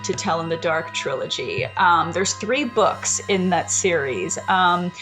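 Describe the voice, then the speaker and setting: A woman in her thirties or forties hosting a podcast, telling a childhood story in a slow, reflective, meandering way. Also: fairly low pitch, music in the background. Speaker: podcast host. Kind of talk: casual storytelling monologue.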